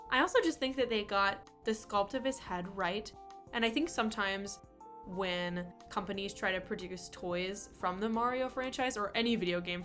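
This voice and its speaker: In a casual toy review vlog, a young woman in her twenties talks warmly and cheerfully about her collection. Her voice is medium in pitch and fairly bright, though stuffy from a cold.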